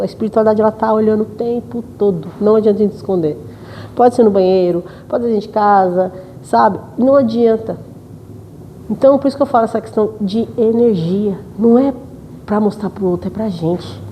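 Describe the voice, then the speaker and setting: A woman with a Brazilian accent giving a talk as a spiritist lecturer, telling a personal story in an emotional, animated way. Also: mid-range voice, slight background noise, poor audio.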